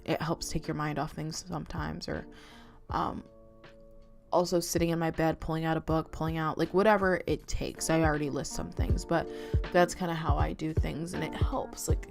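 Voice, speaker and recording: A young woman vlogger talks casually to camera in a confessional style, rambling with many fillers and restarts. Her voice sits low and has vocal fry.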